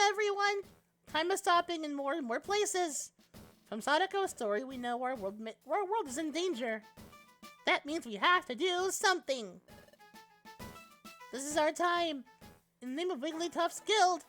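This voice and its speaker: A woman's voice: very high voice, fairly bright tone, pitched above the performer's own voice. A woman voicing a cutesy, cheery creature guild master, reading game dialogue aloud in a sugary, rousing way. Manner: sugary, rousing speech-giving.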